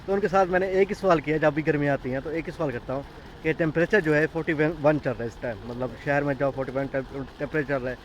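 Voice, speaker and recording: The dull, lo-fi recording was made outdoors, with a bit of hiss or hum, as a farm owner with a highish voice walks through his orchard. Chatting casually for his farm vlog, he points things out and explains them.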